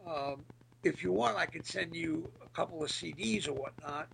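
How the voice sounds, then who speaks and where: A middle-aged man with a raspy, gravelly, gritty voice, reminiscing casually as an interview guest in a halting, searching way. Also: on the high side, heavy background noise. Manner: halting, hesitant, searching for words. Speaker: podcast guest, former military band musician.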